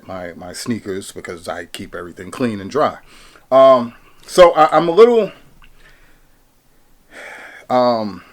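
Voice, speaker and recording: Hyped-up chatty man reviewing gear. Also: lowish voice. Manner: hyped, chatty, lots of restarts and ums. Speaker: fitness vlogger reviewing gear. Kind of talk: casual product review vlog.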